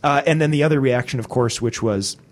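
A man's voice: mid-range voice, fairly quick. A man hosting a podcast, talking in a rambling, casual way with many fillers and restarts. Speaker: podcast host.

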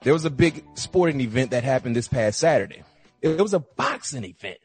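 A man's voice: mid-range voice, big pitch swings, a little fast, soft background music. A man co-hosting a sports talk show, telling stories with lots of animation and acting out the coaches he quotes. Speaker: podcast co-host. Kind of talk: casual sports chat.

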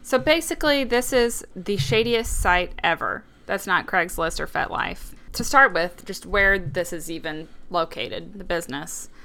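A woman's voice: on the low side, expressive, a little slow, hardly any pauses, bright, forceful tone. A woman co-hosting a casual podcast, talking in a wry, skeptical, amused way. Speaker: podcast co-host.

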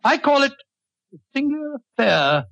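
A muffled old radio recording carries a British doctor. His pitch is extremely high for a man. He is earnest and blustering, with fussy little stumbles as he tells his stories. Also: big pitch swings, fairly quick, vocal fry, fairly bright tone, dry recording, heavily acted. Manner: earnest, fussy, slightly stammering. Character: Doctor Watson, male English doctor, earnest, blustering storyteller. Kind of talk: 1940s radio acting. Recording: dull vintage radio recording.

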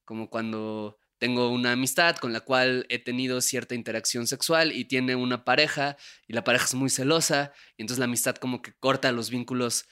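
A man's voice: mid-range voice, fairly even intonation, brisk, few pauses, sharp tone, clear, resonant tone. A young adult man with a Mexican Spanish accent, hosting a casual podcast chat, laughing often and ending thoughts with tag questions. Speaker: podcast host. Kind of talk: casual conversation.

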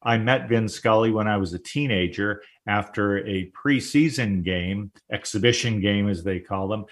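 Low-voiced man hosting an interview. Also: moderate pace. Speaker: podcast host. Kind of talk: interview host chat.

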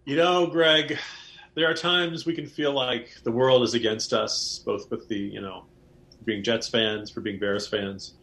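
A man's voice: medium pitch, measured pace. A man co-hosting a political podcast, chatting casually with wry, sarcastic jokes. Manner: wry, joking, animated. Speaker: podcast co-host.

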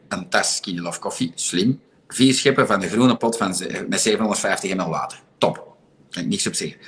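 A Flemish man talks to his viewers in a casual livestream, blunt and sarcastic. His delivery is animated, swinging from quiet asides to loud, teasing rhetorical questions. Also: on the low side. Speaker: livestream host.

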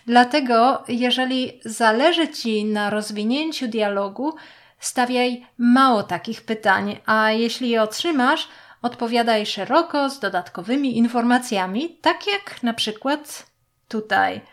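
A woman teaching a German lesson, reading example sentences aloud and repeating them with careful, clear pronunciation. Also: a little high, a little slow. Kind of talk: slow scripted language lesson.

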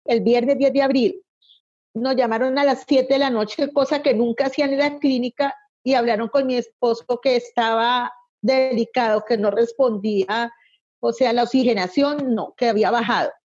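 A woman's voice: fairly high pitch, fairly even intonation, normal speed, darkish tone, highs cut off. A middle-aged woman giving an anguished, emotional personal account in an interview. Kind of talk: personal testimony.

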